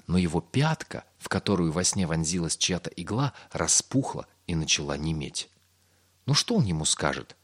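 Deep husky male storyteller. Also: a bit bright. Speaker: narrator. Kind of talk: scripted fairy-tale narration.

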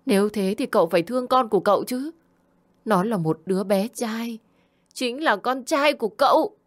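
A woman voicing a grieving young woman who wails and accuses, pitched well above her own voice and loud. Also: level tone, normal speed, no echo, studio quality, natural voice. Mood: wailing. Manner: wailing, accusing.

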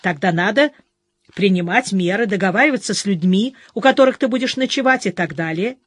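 A woman's voice: mid-range voice, lively intonation, fairly quick, dry recording, close to an everyday voice. A woman doing a caring husband in an audiobook, firm insistent tone, mildly scolding, dry sound. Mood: reasoning. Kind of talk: audiobook character reading.

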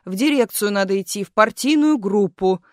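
A woman's voice: medium pitch, animated, normal speed, darkish tone, no echo, studio quality, lightly acted. A woman voicing a pushy young actress and mother who rattles on indignantly. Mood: hurried. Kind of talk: audiobook character voice.

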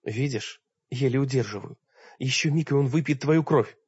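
A man voicing a worn-out young warrior who speaks in a hurried, pleading way. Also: medium pitch, a little mellow, husky, no room sound, highs cut off. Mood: tense.

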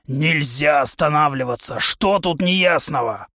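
A man's voice: fairly high pitch, unhurried, sharp tone, no echo, studio quality, full character voice. A man voicing a bellowing musk-ox trainer. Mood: blustering. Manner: bellowing, blustering drill-sergeant delivery. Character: huge hot-tempered male musk-ox humanoid club trainer. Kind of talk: audiobook character voice.

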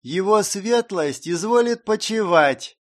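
A man voicing a deferential castle servant who speaks formally and slowly. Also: high-pitched, lively intonation, pitched above the performer's own voice. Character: bowing nervous castle servant.

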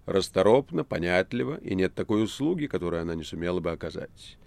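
Woland, a man doing a deep commanding devil. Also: lively intonation, vocal fry, a little mellow. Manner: commanding, measured, drawling. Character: imperious ancient male devil, the master.

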